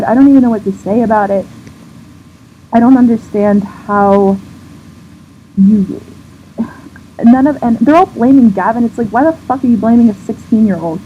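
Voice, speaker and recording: Upset woman ranting through halting restarts. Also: mid-range voice. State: on the verge of tears. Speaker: vlogger. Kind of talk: emotional rant to camera. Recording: dull lo-fi sound with faint background noise.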